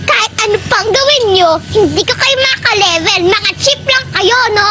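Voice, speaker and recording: Someone playing a snobby, very high-pitched brat. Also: lively intonation, moderate pace, recorded from a distance. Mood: snobbish. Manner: snobbish and taunting. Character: snobby bratty rich cartoon character. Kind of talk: comedic animation voice acting. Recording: loud background music.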